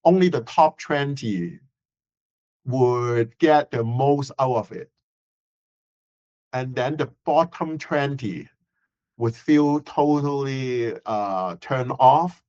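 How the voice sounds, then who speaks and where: A man's voice: medium pitch, slow pace, long pauses, darkish tone. A man speaking as a university professor, thinking aloud with hesitations and fillers. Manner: thoughtful, hesitant, many fillers. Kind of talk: reflective interview answer. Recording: dull, slightly lo-fi sound.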